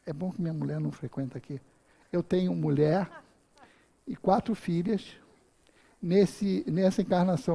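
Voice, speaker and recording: A man's voice: high-pitched, creaky, dark tone. A man in his fifties giving a casual, humorous talk full of personal stories at a spiritist center. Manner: humorous storytelling, acts out his own moves.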